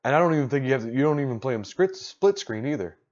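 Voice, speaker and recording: A middle-aged man co-hosting a casual podcast chat, blunt and animated, swearing casually. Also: medium pitch, fast, highs cut off. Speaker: podcast co-host.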